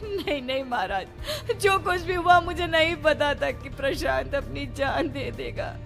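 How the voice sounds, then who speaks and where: A woman's voice: high-pitched, lively intonation, unhurried, vocal fry, fairly bright tone, soft background music, full character voice. A woman voicing a remorseful, pleading middle-aged mother in a dramatized moral horror story. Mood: defensive pleading. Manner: tearful, pleading, self-justifying.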